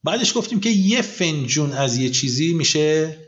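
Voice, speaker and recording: A man hosting an English lesson for Persian speakers, patiently repeating each word slowly so the learner can copy it. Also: fairly high pitch, expressive, a bit bright, highs cut off. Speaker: English teacher, podcast host. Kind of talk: scripted language lesson, drilling vocabulary.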